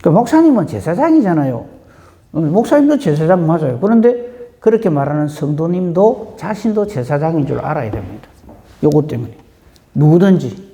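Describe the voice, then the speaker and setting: A man preaching a dawn prayer sermon in a conversational way, often clearing his throat and asking the congregation questions. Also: a little high, sing-song, brisk, mellow, big-room sound. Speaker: pastor.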